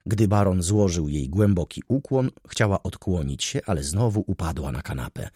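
A male audiobook narrator with a deep, husky voice and a lively, wide-ranging pitch. His reading is measured and expressive. The sound is close and dry. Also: dry recording. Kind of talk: scripted narration.

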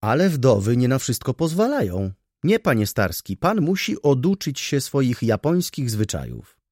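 Figure: sharp-tongued young widow voiced by a man. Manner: teasing, imperious, husky. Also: medium pitch, huge pitch swings, moderate pace, no room sound, studio quality, voice pushed up. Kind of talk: audiobook character voice.

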